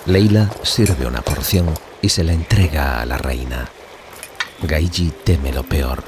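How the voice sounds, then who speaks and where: Very deep-voiced male scene narrator. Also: background noise. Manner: measured, neutral. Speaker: audio description narrator.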